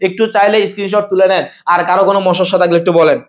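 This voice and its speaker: A man teaches an accounting course live over the internet, his high-pitched voice steady in tone on a muffled recording. He moves quickly, repeats points, and keeps firing questions at the class.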